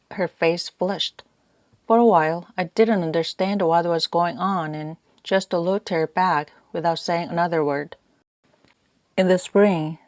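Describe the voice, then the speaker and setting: A woman narrating an audiobook in a calm, measured first-person reading on a close mic. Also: on the low side, no room sound.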